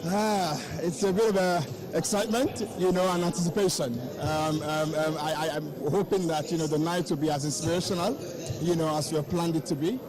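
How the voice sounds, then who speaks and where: A Nigerian-accented man with a high voice gives explanatory interview answers. His phrasing is hesitant and filler-laden, and a crowd is clearly audible behind him. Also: steady tone, brisk, rough recording. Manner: hesitant, peppered with "you know". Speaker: event co-founder, interviewee. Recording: crowd noise at live event.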